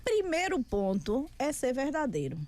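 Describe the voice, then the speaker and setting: A woman's voice: high voice, sing-song, measured pace, a little mellow. A woman author, explaining communication in a didactic way during a studio interview. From Feira de Santana, Brazil. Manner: didactic, explains with figures and examples.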